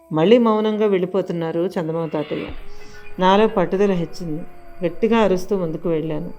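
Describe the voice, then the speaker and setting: A woman narrating a scripted audio story in a measured, suspenseful first-person telling. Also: fairly low pitch, warm tone.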